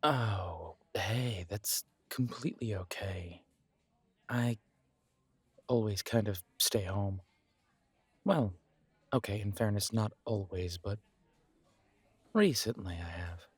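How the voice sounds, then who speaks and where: In an intimate one-sided roleplay, a man plays a friendly, reassuring homebody best friend, speaking casually in halting, gently encouraging phrases. His voice is on the low side and husky, with no room sound, and the mood is gentle and reassuring.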